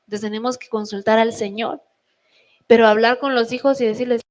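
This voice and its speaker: Animated Mexican woman preaching. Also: on the high side, fairly quick. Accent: Mexican Spanish. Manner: animated storytelling with quoted voices. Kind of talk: sermon.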